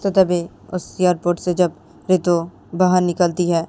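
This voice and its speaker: A woman telling a serialized love story on her own channel, in a casual, rambling manner with frequent repeated linking words. Her voice is fairly low and mellow. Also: completely flat delivery, measured pace, clear, resonant tone.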